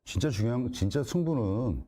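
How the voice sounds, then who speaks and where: A man with a warm, mellow voice speaks to a room of parents in a storytelling talk. His pitch swings up and down a lot as he jokes and fires rhetorical questions at them. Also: expressive, moderate pace, a little hiss or hum. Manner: acts out dialogues, jokey and direct. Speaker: guest speaker at a parents' event.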